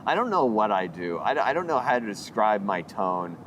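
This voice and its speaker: A young man, a comedian guest, trading quick wry banter in a casual chat. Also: fairly low pitch, sing-song, fairly bright tone, lo-fi sound, slight background noise.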